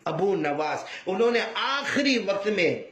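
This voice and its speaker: A man's voice: high voice, big pitch swings, a little hiss or hum. A male preacher telling a story in an emotional sermon, fervent and repetitive, raising his voice at times, in an echoey hall. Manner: fervent, repetitive, raises voice to a shout.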